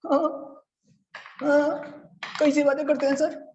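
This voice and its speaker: A man's voice: very high voice, little pitch movement, takes it slowly, darkish tone, a little hiss or hum, voice pushed up, exaggerated voice. A man voicing a cheeky young student who protests in disbelief and whines that nothing makes sense, heard through muffled online class audio. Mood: whiny. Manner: incredulous, whiny protests.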